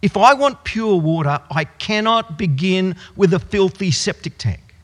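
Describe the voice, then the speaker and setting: A man preaching a sermon in a storytelling way, slowing and dropping his voice for emphasis. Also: high voice, lively intonation. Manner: storytelling, swings from loud to hushed for emphasis. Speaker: pastor. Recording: echoey hall with long reverb.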